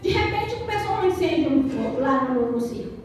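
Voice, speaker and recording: A woman pastor with a Brazilian accent preaching a sermon to a congregation, animated and telling stories with playful asides. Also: high voice, moderate pace, far from the mic, a little hiss or hum. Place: church service with congregation. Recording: very echoey church hall, from afar.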